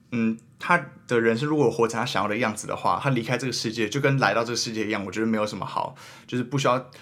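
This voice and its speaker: A young man in his twenties with a Taiwanese Mandarin accent, hosting a podcast in casual chat and thinking out loud in an earnest, rambling way. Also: medium pitch. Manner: earnest, rambling, self-questioning. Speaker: podcast host.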